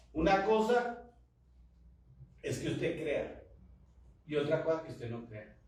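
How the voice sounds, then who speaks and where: A high-voiced man with a Colombian Spanish accent delivers a fervent sermon, pushing his points and drawing answers from the congregation. His voice rings through a big, echoey hall, picked up from well back off the mic. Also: distant mic. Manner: preaching with rising fervor and call-and-response. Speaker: pastor.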